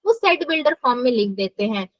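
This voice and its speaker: A woman's voice: fairly high pitch, sing-song, quick pace, no room sound, rough recording. A young woman teaching a live math class, mixing English terms into her explanations and checking in with students. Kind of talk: live online class lecture.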